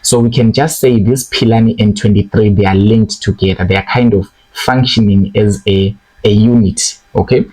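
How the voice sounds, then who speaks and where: Young male coding tutor, lowish voice, patient step-by-step delivery with frequent check-ins. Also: steady tone, normal speed, few pauses, a little mellow, rough recording. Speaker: programming tutor. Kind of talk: screen-recorded coding lesson.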